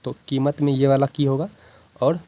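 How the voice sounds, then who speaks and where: A man with a Bihari Hindi accent teaching a lesson, explaining slowly and patiently and often checking in with the viewer. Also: medium pitch, level tone, mellow. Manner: patient, repeats "ठीक है ना" often.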